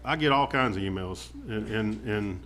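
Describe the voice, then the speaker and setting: A man speaking off the cuff as a commissioner at a public meeting, halting and plainspoken. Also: fairly low pitch, fairly bright tone. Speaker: county commissioner. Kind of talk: spontaneous remarks at a public meeting.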